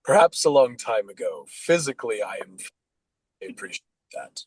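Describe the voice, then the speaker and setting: Man voicing a grizzled old orc for a tabletop game, low, hushed and weary, dry close sound. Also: big pitch swings, breathy edge, no room sound, poor audio. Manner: weary, quiet and slow.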